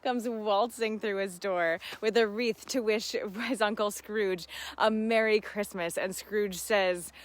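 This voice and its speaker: A woman hosts a casual live Q and A, talking earnestly and reflectively to her listeners as if they were friends and laughing often as she speaks. Her voice is mid-range, her tone steady and her pace slow.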